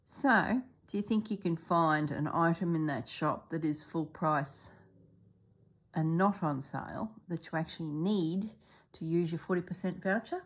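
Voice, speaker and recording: Here a middle-aged woman from Australia, a stitching vlogger, makes relaxed small talk as she sews, speaking low and a little slowly. Her voice carries some congestion and the odd throat-clear, and she sometimes sinks into gentle murmurs while working.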